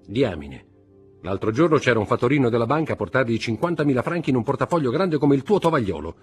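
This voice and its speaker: A man reading aloud, voicing a cocky, impatient young man who talks in quick, offhand bursts. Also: medium pitch, big pitch swings, husky, soft background music, voice pushed up.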